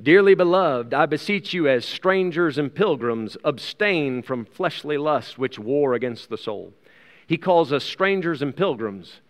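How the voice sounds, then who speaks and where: With lively intonation and a measured pace, a man from the United States delivers a sermon in a high-ish voice. He reads from scripture, poses rhetorical questions, and adds asides in a relaxed way, his words echoing through a large reverberant hall before the congregation.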